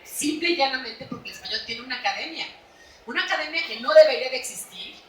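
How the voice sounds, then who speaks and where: A bright, forceful Mexican woman speaks animatedly to an audience, her voice fairly high for a woman. She is an author presenting her book in a chatty, lively way. The sound comes from a distance in a large hall that rings with echo. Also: fast. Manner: animated, chatty, frequent "¿no?" tags. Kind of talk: lively public talk at a book fair. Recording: echoey hall, voice from off-mic.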